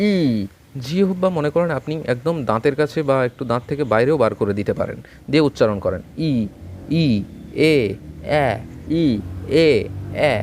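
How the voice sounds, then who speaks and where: A man teaching an online phonetics lesson from home with a Bengali accent, speaking slowly and patiently and repeating vowel sounds for learners to copy. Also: on the high side, a little mellow, slight background noise. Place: home during a storm.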